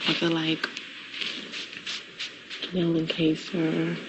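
Houseguest woman, low and flat, heard over a staticky, buzzing live feed. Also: slow pace. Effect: buzzing static interference on a live feed. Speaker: reality show houseguest. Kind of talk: casual chat. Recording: dull, staticky live-feed audio, noisy.

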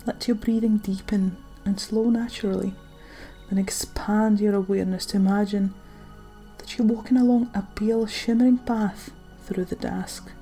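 A woman narrating a guided meditation in the manner of a sleep story, gentle, soothing and unhurried, with soft breathy phrase endings. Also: medium pitch, steady tone, rough recording. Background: music.

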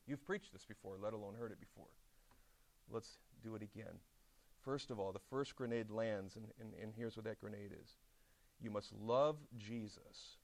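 A middle-aged man preaches a chapel sermon in a gravelly voice. He tells stories with lively asides and talks straight to his listeners. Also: mid-range voice. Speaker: pastor. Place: seminary chapel.

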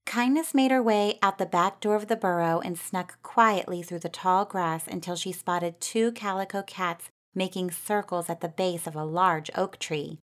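A woman narrating a children's storybook in a steady, expressive reading voice. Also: lowish voice.

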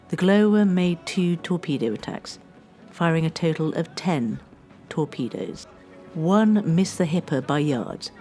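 A woman with a very low, dark and mellow voice reads a scripted history narration for radio. Her delivery is measured and steady, easing off the pace to let the dramatic lines land. Faint music sits under her voice. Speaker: radio presenter.

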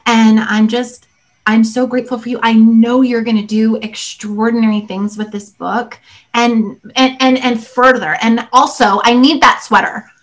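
A woman's voice: on the high side, fairly even intonation, a little slow. A woman podcast host chatting with her guest over a video call, effusive and gushing with praise. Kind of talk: casual interview chat.

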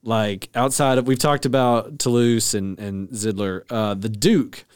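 A man's voice: on the low side, fairly even intonation, a little slow, clean tone, dry recording, clean studio sound. A man co-hosting a film review podcast in casual chat. He is chatty and laughs easily. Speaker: podcast co-host.

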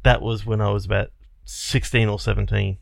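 Man in his 30s, co-host, low gravelly voice, dry close sound, chatty storyteller. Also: flat delivery, normal speed, dry recording. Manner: chatty storyteller, laughs at himself. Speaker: podcast co-host. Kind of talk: casual chat.

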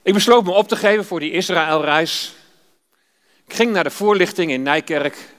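Fifty-something pastor preaching in a church. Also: male voice, high voice, moderate pace, a bit bright. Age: 50s. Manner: storytelling, personal. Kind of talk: sermon with scripture reading. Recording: long church reverb.

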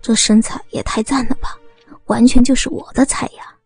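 A woman voicing an excitable, crude male thug who talks in an eager half-whisper. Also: fairly high pitch, normal speed, breathy edge, faint music behind.

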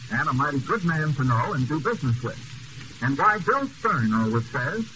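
A male sports host reads scripted commentary in a bright, forceful voice with lively intonation. It is a faintly noisy 1950s radio broadcast. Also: on the high side.

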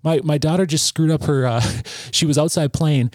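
Earnest, halting man telling his story. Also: a little high, darkish tone, no room sound, studio quality. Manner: earnest, halting, with frequent restarts. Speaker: podcast guest. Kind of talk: personal storytelling.

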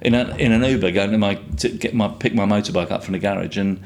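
Low-voiced Englishman in his fifties. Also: fast talker, darkish tone. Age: 50s. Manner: rambling storyteller, swears freely. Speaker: guest artist. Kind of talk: casual chat.

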